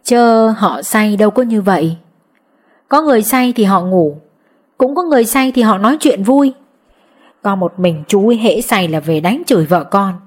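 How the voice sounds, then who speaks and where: A woman voicing a calm village man who explains things patiently in an audiobook. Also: mid-range voice, moderate pace, lightly acted. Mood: reasoning.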